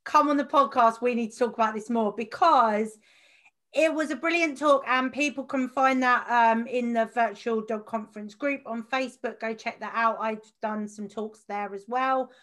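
A woman hosts a podcast in a loose, chatty way, full of fillers and easy laughter. Her voice sits high and sounds bright and forward. She keeps the talk moving in casual conversation. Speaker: podcast host.

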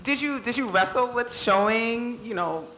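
Bright-voiced upbeat woman moderator. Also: fairly high pitch, a little hiss or hum, rough recording. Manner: upbeat, quick questions. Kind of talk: live Q&A moderating.

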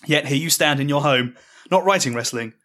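A man telling a mocking comic story in the second person, with deadpan delivery. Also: on the high side, a little fast. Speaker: podcast storyteller.

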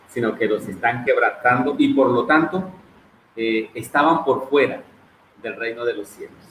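A male pastor giving a measured, expository Bible study lesson. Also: mid-range voice, a bit bright, slight background noise. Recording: echoey room.

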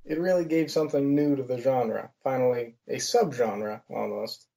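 A man's voice: mid-range voice, moderate pace, gravelly, mellow. A teenage American man from Pennsylvania, a film reviewer giving brief, modest answers in a casual interview. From Pennsylvania, USA. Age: teens.

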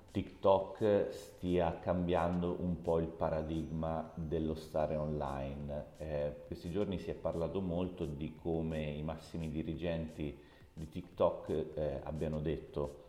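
A man, an author, answering interview questions in a reflective, measured way with a light touch of humor. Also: rumbling low, mellow. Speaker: author and guest. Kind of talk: podcast interview. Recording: echoey room with long reverb.

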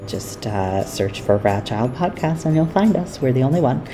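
A woman podcast host reading mid-roll announcements in a relaxed, chatty way full of ums, recorded at work away from her usual setup in lower-quality audio. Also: moderate pace, music in the background. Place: workplace, not the usual studio.

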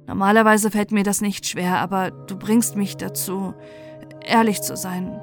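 A gentle, smitten teenage boy who speaks softly, read by a woman a little lower than her usual voice. The lines come over a faint bed of music. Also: little pitch movement, unhurried, natural voice. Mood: tender.

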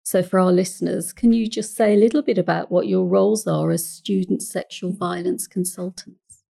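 A woman counsellor hosting a podcast, speaking in a calm, measured way with carefully chosen words and an English accent. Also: on the low side, vocal fry, slightly rough.

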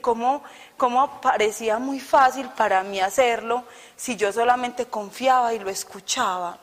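A woman, giving an earnest, conversational testimony to a congregation. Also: medium pitch. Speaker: church speaker giving testimony. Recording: long hall reverb.

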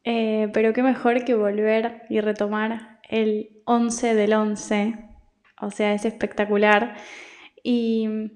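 With a fairly high, slightly mellow voice, a young Argentine woman takes her time as she hosts her podcast in a level tone. Her Argentine Spanish monologue is personal and confiding, meandering with many restarts.

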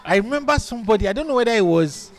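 High-voiced Nigerian male podcast co-host, young adult, quick to laugh. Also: expressive. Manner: laughs often, recalls things in halting bursts. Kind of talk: casual chat.

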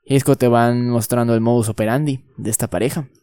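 A man's voice: medium pitch, fairly even intonation, fast talker, dark tone, clear, resonant tone, dry recording. A young man with a Mexican Spanish accent, talking through a film in slangy, profane casual chat.

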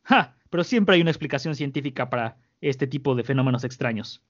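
A man's voice: medium pitch, lively intonation, quick pace, lightly acted. A man with a Mexican accent voicing a smug, mocking male pirate captain, scornful and long-winded, on a muffled lo-fi recording. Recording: muffled lo-fi audio.

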